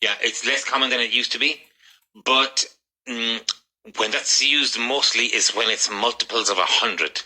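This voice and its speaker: A man from Ireland running an English class, drilling students and correcting them in a brisk, encouraging way. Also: medium pitch, steady tone, pushed and bright, poor audio. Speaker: English teacher.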